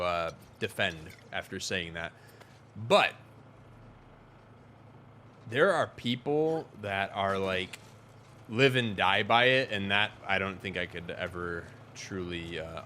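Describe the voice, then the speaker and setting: A man's voice: low-pitched, bright, forceful tone, a little hiss or hum. A young adult man from Wisconsin, chatting casually and rambling frankly to his viewers during a gaming livestream. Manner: rambling, frank, talks to chat.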